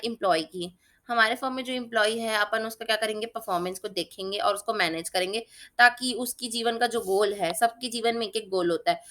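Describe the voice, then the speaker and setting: A woman with a slightly high, somewhat bright voice gives an informal exam-prep lesson. She chats easily, uses examples from daily life, and keeps checking on her students with "theek hai?"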